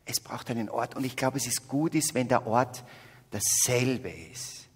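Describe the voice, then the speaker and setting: Older austrian guy from salzburg giving a faith talk, husky, jokey, big reverb hall. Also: medium pitch, expressive, unhurried. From Salzburg region, Austria. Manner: swings between loud exclamations and hushed whispers; humorous, addresses audience directly. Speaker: speaker at a faith festival. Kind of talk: spiritual talk to young adults.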